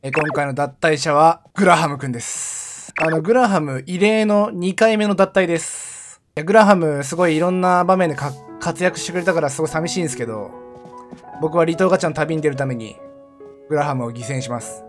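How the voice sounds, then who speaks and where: A young man giving casual commentary while streaming a game, chatty and laughing often, with sudden loud outbursts. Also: a little high, a little fast. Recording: game music playing behind the voice. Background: background game music.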